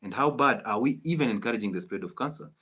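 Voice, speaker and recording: A man lectures his viewers in a live-streamed health talk. His pitch is middling, and his delivery is preachy and insistent, circling back to drive each point home. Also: lively intonation, fast talker, pushed and bright. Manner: emphatic, preachy, repeats key points. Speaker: health educator.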